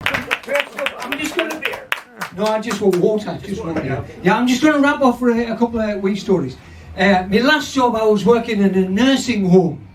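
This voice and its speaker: An older man from North East England, with a high voice, compères a pub comedy night as the MC. His crowd work is sweary and rambling, and he often laughs at his own jokes. The mic is distant, the crowd lively, and there's slight background noise.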